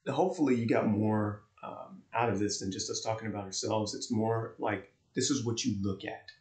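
A man's voice: on the low side, moderate pace, darkish tone. A man co-hosting an astrology talk, explaining charts in a chatty, easygoing way and laughing easily. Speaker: astrology co-host. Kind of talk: explaining charts in casual chat. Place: warm indoor room. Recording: echoey room.

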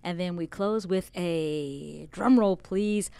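A woman's voice: on the low side, slow pace, vocal fry, smooth, dry recording. Upbeat woman hosting a podcast panel. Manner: lively, upbeat introductions. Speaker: podcast host. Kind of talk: casual panel talk.

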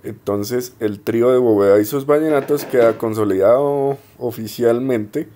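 A young man presenting his degree project in an unhurried, explanatory way, with frequent hesitations. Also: mid-range voice, dark tone, a little hiss or hum. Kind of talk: informal spoken presentation.

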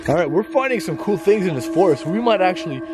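A man in his twenties hosting a casual outdoor vlog, talking excitedly to a handheld camera while hiking through a forest. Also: sits high, fast, over music. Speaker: vlogger host. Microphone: handheld camera at arm's length. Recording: outdoor camera audio with noticeable noise.

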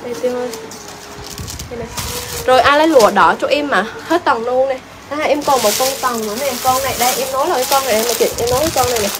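A woman's voice: high-pitched, very fast, noisy background. A woman selling clothes on a livestream, chatty and exclaiming, repeating prices over and over. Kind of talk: fast live-selling patter.

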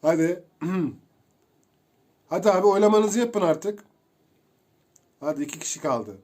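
A young man giving casual, excitable commentary while playing a video game, chatting to his viewers as he goes. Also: high voice, measured pace. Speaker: gameplay streamer.

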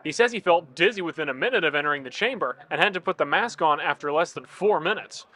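A man's voice: a little high, expressive, fast talker, pushed and bright. A young American man reading scripted news narration as a television reporter.

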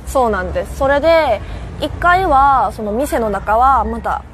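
Chatting casually in Japanese on a city rooftop, a young livestream host from South Korea replies to viewers' comments. She has a Korean accent with a Kansai lilt, and her slightly high voice is animated and unhurried, with slight background noise.

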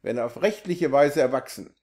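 A man reading the part of a clever young tomcat who answers politely and calmly. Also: medium pitch, normal speed, lightly acted. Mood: composed. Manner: polite, reasoning.

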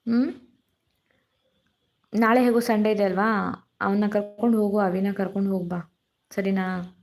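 A woman hosting a casual live stream from her phone in a dark room at home, her voice hoarse and cracking from illness as she greets viewers by name. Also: mid-range voice, fairly even intonation, unhurried. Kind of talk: casual live chat reading comments. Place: dark room at home during power cut.

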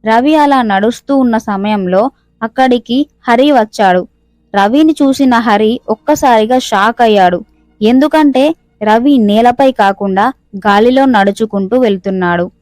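Higher-voiced woman narrating a horror story. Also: measured pace, a little mellow, dry recording.

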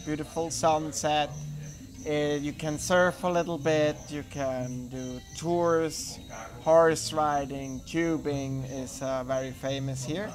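Halting hostel owner, man. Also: fairly high pitch. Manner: halting, with pauses and fillers. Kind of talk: interview answers. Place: outdoors by a pool at night.

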